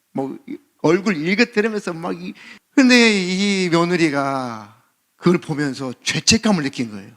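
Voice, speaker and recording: A man's voice: on the high side, fairly bright tone. A man preaching as senior pastor, telling a story animatedly and acting out its characters. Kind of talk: sermon.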